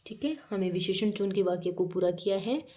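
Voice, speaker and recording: Hindi teacher woman with a mellow voice. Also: medium pitch, lively intonation, brisk. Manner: reads each question, then explains the answer. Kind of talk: workbook lesson explanation.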